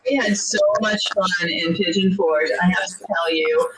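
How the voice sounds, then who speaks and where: A woman's voice: fairly low pitch, fairly even intonation, normal speed, poor audio. Chatty woman host with crowd behind. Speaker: podcast host. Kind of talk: casual interview chat.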